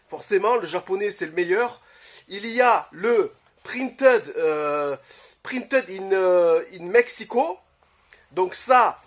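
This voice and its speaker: A man, casually talking to camera about his collection, blunt and quick to swear, with lots of "euh" fillers. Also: high voice, a bit bright. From Marseille, France. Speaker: retro game collector vlogger. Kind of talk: casual vlog talk to camera. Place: his home, early morning.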